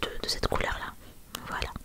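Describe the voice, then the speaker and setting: A young adult woman speaking in a hushed, library-quiet whisper, presenting items in a soft ASMR style. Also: moderate pace. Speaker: ASMR video creator.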